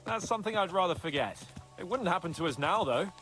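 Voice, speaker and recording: Cocky young lord, video game, boastful, theatrical, high swooping voice, music behind. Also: male voice, lively intonation, fast, sharp tone, full character voice. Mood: proud, reminiscing. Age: young adult. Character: cocky, high-spirited young nobleman, boastful but fond.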